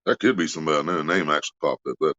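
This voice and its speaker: A man hosts a casual livestream, cracking crude jokes and reading donations aloud. His rumbling low voice is very fast, pushed and bright, and the audio sounds dull.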